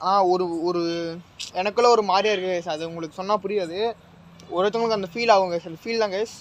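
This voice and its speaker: Nervous, high-voiced male ghost hunter. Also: fairly even intonation, fast talker. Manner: tense, fearful, keeps calling out to unseen spirits. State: nervous and jittery. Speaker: ghost-hunting vlogger. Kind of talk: night-time ghost-hunt vlog, talking to camera.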